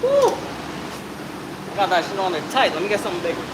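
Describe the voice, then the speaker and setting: Fast and high-pitched with huge swings in pitch, this man in his thirties speaks over a very noisy shop. As an auto mechanic, he rambles casually through a brake job on a truck on the hoist, explaining how it's done and swearing now and then.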